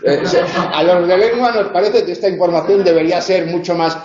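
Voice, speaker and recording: In a roomy classroom, a university lecturer with a high-pitched voice teaches at a brisk pace, explaining things and checking in with tag questions. The lecture recording sounds roomy and muffled, with a noisy background.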